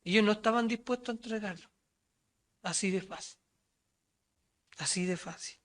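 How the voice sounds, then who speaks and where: A male preacher with a Chilean Spanish accent delivering a sermon, asking rhetorical questions, answering them himself, and reading scripture aloud. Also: moderate pace. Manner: voice rises loud and high when quoting the crowd, drops low and quiet on asides.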